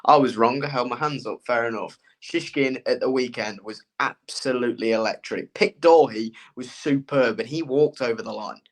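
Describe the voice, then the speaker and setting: An excitable male co-host talks horse racing tips in a casual chat. His voice sits at an ordinary middle pitch and he tells his stories with lively energy. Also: normal speed, few pauses. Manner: excitable, animated storyteller.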